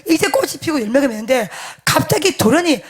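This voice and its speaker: A woman pastor preaching a sermon, telling a story with emphatic swings between loud declarations and hushed asides, often turning to the congregation for agreement. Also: high-pitched, sing-song, a little fast. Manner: addresses the congregation directly, seeking agreement.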